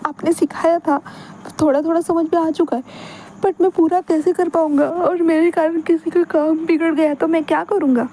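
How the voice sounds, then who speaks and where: A woman's voice: very high voice, steady tone, normal speed, mellow, a little hiss or hum, voice pushed up, rough recording. A woman voicing a timid, anxious young man who stammers and sounds close to tears. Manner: hesitant, stammering, tearful.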